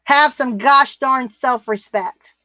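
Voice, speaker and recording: A woman's voice: high-pitched, slow, sharp tone, no room sound. A middle-aged woman co-hosting a livestream, reading viewer comments in a blunt, rambling casual chat. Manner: blunt, rambling, laughs often. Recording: muffled, dry sound.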